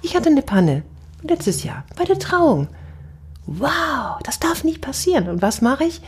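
A middle-aged woman in a casual conversation, telling stories with lively, animated swings of pitch. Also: normal speed. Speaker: wedding speaker and officiant.

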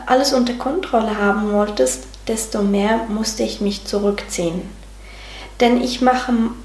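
A woman voicing the loving, reassuring inner voice of a soul, speaking in a gentle, patient, guiding manner. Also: a little high, a little hiss or hum. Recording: roomy sound with faint music.

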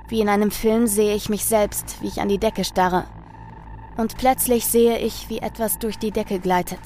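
A woman's voice: mid-range voice, a little mellow. Woman, horror story narrator, first-person, tense dramatic delivery, faint background music.

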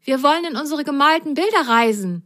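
A woman's voice: high-pitched, lively intonation, brisk, voice pushed up. A woman voicing an eager, adventurous boy sock who talks enthusiastically in a children's story. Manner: bright, enthusiastic, bubbly.

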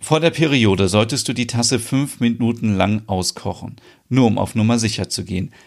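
A man reading a story aloud, voicing a calm, matter-of-fact young woman who explains things patiently. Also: on the low side, normal speed, vocal fry.

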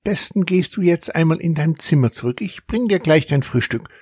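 A man voicing a gentle, worried middle-aged mother in a children's story, speaking softly and soothingly. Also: on the high side, lively intonation, normal speed, husky, dry recording, studio quality, pitched above the performer's own voice.

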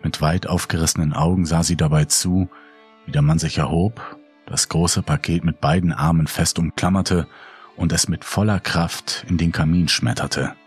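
A male storyteller reads a horror tale in a dark, measured way. His voice is very deep and husky, and soft music plays faintly under it. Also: steady tone. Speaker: narrator. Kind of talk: scripted horror narration.

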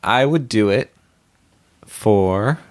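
A man's voice: fairly low pitch, lively intonation, extremely slow. A man co-hosting a podcast, teasing and cracking crude jokes in casual chat. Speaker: podcast co-host.

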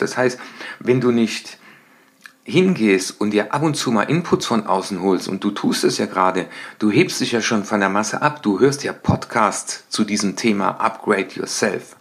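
A middle-aged man hosting a motivational podcast, talking lively and acting out little everyday scenes in changing voices. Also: lowish voice, gravelly. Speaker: podcast host and coach.

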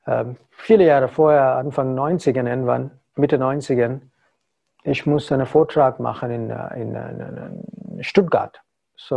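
A man's voice: medium pitch, gravelly, warm tone, lo-fi sound. A man from India, a spiritual teacher giving a talk to followers in broken German with English phrases mixed in. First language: not German.

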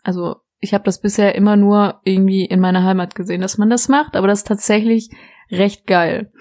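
A young woman co-hosting a casual podcast, rambling through anecdotes. She giggles often and restarts her sentences. Her voice sits at an ordinary pitch for a woman. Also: steady tone, a little fast, dark tone. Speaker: podcast co-host. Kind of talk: casual chat.

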